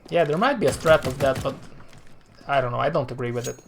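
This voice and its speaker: A man's voice: mid-range voice, gravelly, background noise. A man live-streaming esports match analysis, talking in an exasperated, rambling way with frequent sighs.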